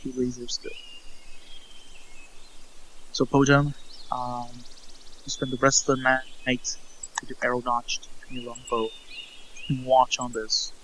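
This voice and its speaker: A man narrating as game master in a tabletop game, with a halting, stammering delivery. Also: medium pitch, little pitch movement, fairly bright tone, a little hiss or hum, poor audio.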